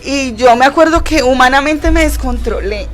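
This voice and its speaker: A woman tells an emotional testimony in a fairly high voice. She talks earnestly and leans on repeated phrases. Soft music plays faintly behind her. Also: moderate pace. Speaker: guest sharing her testimony.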